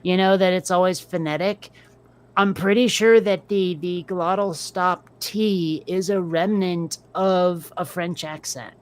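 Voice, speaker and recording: Casually chatting as a podcast co-host, this woman from Vermont carries a faint New England accent and fills her speech with "like"s and side remarks. She speaks a little slowly, in a lowish voice with fairly even intonation.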